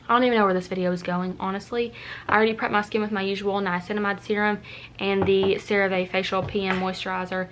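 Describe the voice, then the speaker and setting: Brief: young woman, beauty vlogger, congested, rambling chat, medium pitch, faint hiss behind. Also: a bit bright. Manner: chatty and rambling, many fillers. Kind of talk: casual makeup tutorial chat. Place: home room, indoors.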